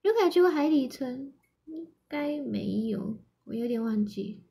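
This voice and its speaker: A young Japanese woman hosting a relaxed livestream, her voice sitting high and her words unhurried. She giggles often, drifts between Mandarin and Japanese, and reads out viewer comments as she goes. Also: creaky. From Yamanashi, Japan. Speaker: idol livestream host. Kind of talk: casual livestream chat.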